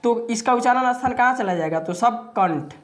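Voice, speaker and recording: A woman's voice: fairly high pitch, lively intonation, moderate pace. A woman teaching a grammar lesson to viewers, patient, saying each sound aloud and asking the listener questions.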